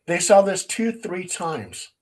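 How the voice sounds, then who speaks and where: A man who is a paranormal investigator and co-host, telling stories in a casual, animated way and acting out quotes. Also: high-pitched, takes it slowly, low-quality recording. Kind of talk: casual storytelling chat.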